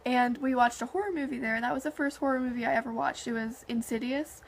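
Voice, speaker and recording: High-voiced young woman chatting casually. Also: fast. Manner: animated anecdotes with heavy filler "like" and quoted dialogue. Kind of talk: casual chat.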